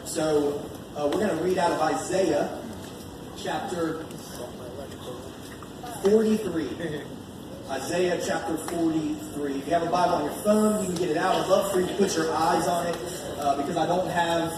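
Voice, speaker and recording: Reading and explaining scripture, this American preacher keeps his sermon informal and conversational, earnestly repeating key phrases to drive them home. His voice is a little high and his pace moderate. Captured on a distant mic in a big, echoey church meeting room, the audio includes background noise.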